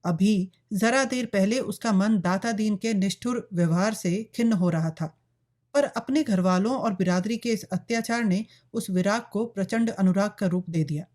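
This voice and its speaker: A woman's voice: medium pitch, normal speed, a little mellow. Woman reading an audiobook. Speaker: audiobook narrator. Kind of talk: scripted novel narration.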